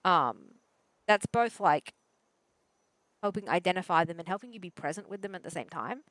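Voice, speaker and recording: A woman's voice: lowish voice, expressive, moderate pace, fairly bright tone, dry recording. A woman therapist chatting casually while gaming, rambling with lots of fillers and self-corrections.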